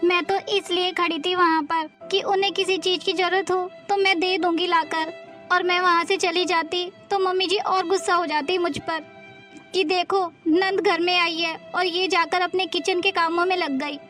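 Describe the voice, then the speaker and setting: A woman playing a meek, unhappy daughter-in-law who quietly laments how she is treated, in a family drama skit. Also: very high-pitched, level tone, normal speed, faint music behind. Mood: sad. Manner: plaintive, soft-spoken.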